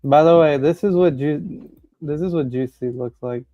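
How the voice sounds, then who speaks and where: A man talks over a video call, his voice arriving dull and lo-fi with a dry, close feel. He reacts in a loose, laid-back way full of slang, and his tone is mellow with a slightly raised pitch. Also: normal speed, no room sound. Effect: heard over a video call. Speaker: co-host of a wrestling watch-along. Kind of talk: casual chat.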